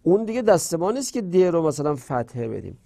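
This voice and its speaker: Man drilling grammar in a lecture, higher voice. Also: sing-song, creaky, mellow. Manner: recites conjugations in slow rhythmic drills; explains with rhetorical questions. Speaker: teacher.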